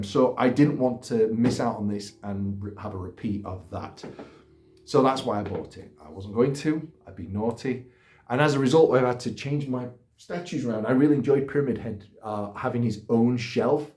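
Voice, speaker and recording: A man's voice: mid-range voice, moderate pace, a little mellow. A man hosting a casual gaming video, chatting in a rambling, self-deprecating way. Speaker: gaming YouTuber host. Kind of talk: casual chat. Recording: roomy echo.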